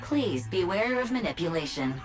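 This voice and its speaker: Gentle rescue care robot lady, lowish voice, polite even readouts, game music behind. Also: moderate pace. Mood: calm. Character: calm gentle female rescue AI assistant. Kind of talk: video game voice acting.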